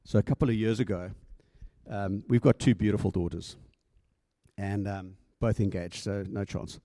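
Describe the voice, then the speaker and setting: Man preaching a conversational sermon, mellow dry voice. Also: lowish voice, fairly even intonation, normal speed, no room sound. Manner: conversational preaching, acts out dialogue, stumbles and repeats words. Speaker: pastor.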